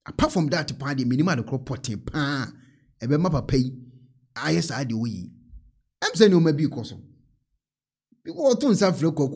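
A man in his thirties with a Ghanaian accent, reacting to a video in casual commentary and laughing often. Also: on the high side. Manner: laughing, animated, mixes in English. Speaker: reaction host. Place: small indoor studio. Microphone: mic on a stand.

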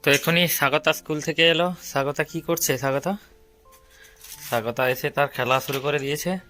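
A man's voice: on the high side, fairly even intonation, moderate pace, sharp tone, faint music behind. A man, narrating his household chores in a chatty home vlog. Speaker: family vlogger. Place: home and rooftop.

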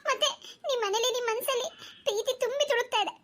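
A woman's voice: very high-pitched, fast, a bit bright. A woman voicing a timid, anxious young girl in a cartoon who stammers and pleads. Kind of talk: cartoon voice acting.

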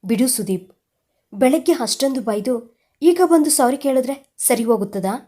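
A woman voicing a hurt, sulking young wife in an audio story, speaking in a sharp, scolding way. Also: high-pitched, lively intonation, moderate pace. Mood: angry.

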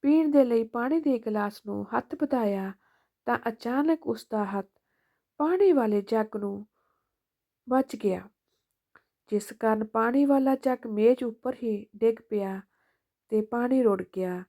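A woman narrating an emotional family story in a calm, steady way. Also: on the high side, a little slow, long pauses.

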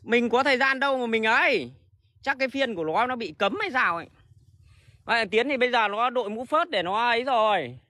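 A livestream host selling plants talks in a high, bright, sharp voice with lively intonation, at a fairly quick clip. He is blunt and casual, swears freely, and keeps doubling back to restart sentences. The sound is dry, with no room echo.

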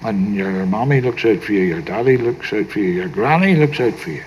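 An older man with a Northern Irish accent playing a gentle, wise, teasing grandfather in a film drama, soft-spoken and wry. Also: lowish voice, animated, a little fast, slight background noise, close to an everyday voice, rough recording.

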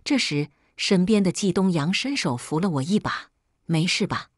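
A woman narrates a first-person drama story in a low, breathy voice with a measured, even delivery. The recording is dry and close, with no room sound. It reads like an audio storybook. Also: dry recording.

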